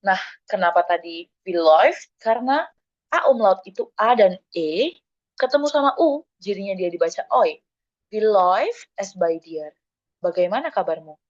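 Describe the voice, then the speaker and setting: A woman's voice: medium pitch, animated, moderate pace. Woman teaching german over a call, encouraging, kinda dull audio. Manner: encouraging, calls on students by name. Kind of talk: online class.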